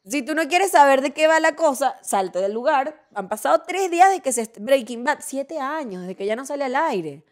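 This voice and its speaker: A woman with a Venezuelan accent hosts a casual solo talk in a slightly high voice. She rants in a playful, opinionated way. She keeps doubling back into chatty asides. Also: normal speed, few pauses. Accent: Venezuelan Spanish. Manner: animated, opinionated and playfully ranting; chatty with frequent restarts and asides. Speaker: podcast host. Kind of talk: casual monologue.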